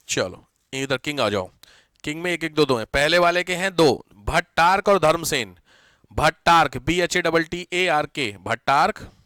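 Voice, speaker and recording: A male teacher giving an exam-prep history lesson, dictating notes slowly, spelling words out letter by letter and repeating every term. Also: on the high side, fairly bright tone, no echo.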